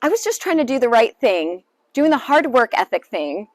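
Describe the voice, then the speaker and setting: A woman's voice: a little high, sing-song, moderate pace, dry recording, rough recording. A woman in her late twenties, a council candidate, answering interview questions in an upbeat, earnest way with many fillers. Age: 20s. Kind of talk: sit-down news interview.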